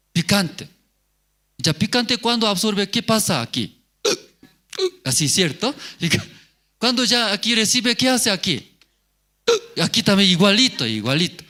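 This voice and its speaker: Male pastor, sermon delivery; slow, repetitive, questioning, slightly high voice. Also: pushed and bright. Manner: slow, questioning, repeats key words. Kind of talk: sermon with rhetorical questions to the congregation.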